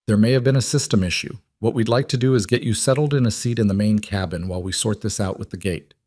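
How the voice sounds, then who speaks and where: A man's voice: lowish voice, fast talker, a little mellow, dry recording, studio quality, close to an everyday voice. A man voicing a woman flight attendant in her early forties who speaks with cheerful, patronizing politeness. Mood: falsely polite.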